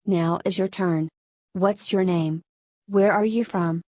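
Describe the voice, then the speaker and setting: A Spanish woman, a native Spanish speaker, explaining Korean grammar in English with a Spanish accent, in steady step-by-step scripted narration. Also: lowish voice, slow, no room sound. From Spain. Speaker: Korean language teacher.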